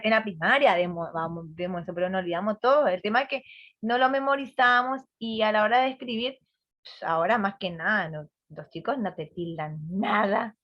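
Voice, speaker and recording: A woman's voice: medium pitch, a bit bright. A woman teacher giving an online class on a video call, chatty, repeating words and quizzing her students.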